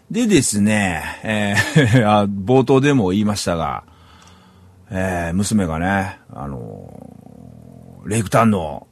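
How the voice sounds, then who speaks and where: Rambling low-voiced man, lively pitch. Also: gravelly, dry recording. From Saitama, Japan. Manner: rambling, chuckles at himself, many fillers. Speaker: podcast host. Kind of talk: solo casual chat.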